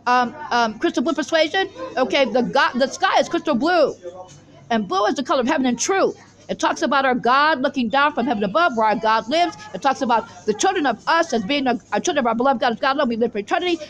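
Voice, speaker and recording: A woman from Israel with a high, slightly bright voice, a self-styled religious teacher, introduces the weekly Torah portion. Her unscripted monologue rambles, insistent, repetitive, and disjointed.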